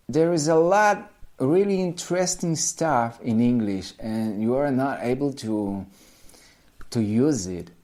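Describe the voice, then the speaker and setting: With a warm, mid-range voice, a forty-something language teacher from Poland speaks casually to camera in Polish-accented English, his second language. He tends to repeat himself and makes minor grammar slips.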